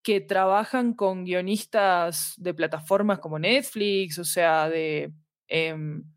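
A woman with a fairly low voice speaks slowly in clean studio sound with no echo. As an interview guest specializing in fiction podcasts, she explains things in an articulate, emphatic, conversational way.

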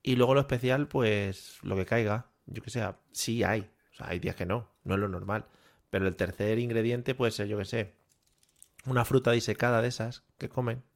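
A man in a casual chat, relaxed and joking, who often trails off. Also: lowish voice, moderate pace, gravelly.

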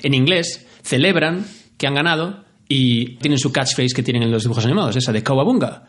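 A man's voice: medium pitch, brisk. A man, co-hosting a podcast in casual chat and telling anecdotes with enthusiasm. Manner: enthusiastic storyteller, animated asides. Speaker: podcast co-host.

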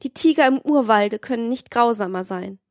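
A woman's voice: a little high, moderate pace, dry recording, clean studio sound, natural voice. A woman reading as a young, innocent, wronged woman who prays tearfully and pleads with heaven. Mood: anguished. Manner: tearful, imploring prayer. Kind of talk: dramatized audiobook reading.

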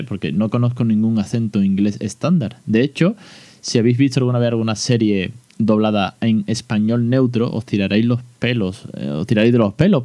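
Man, podcast host, low mellow voice, ironic and chatty, close dry mic. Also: no echo. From Spain. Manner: ironic, chatty, many fillers. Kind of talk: casual solo podcast talk.

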